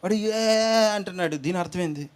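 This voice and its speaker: A man's voice: fairly high pitch, normal speed. A male preacher giving a humorous sermon, telling a story and acting out its dialogue. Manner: animated, acts out dialogue, jokes with listeners.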